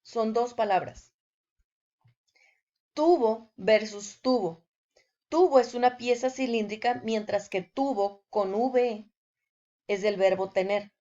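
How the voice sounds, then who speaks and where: Slow, careful woman teaching a language lesson. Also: fairly high pitch, dark tone, lo-fi sound. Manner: slow, deliberate delivery with example sentences. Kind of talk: scripted explanatory lesson.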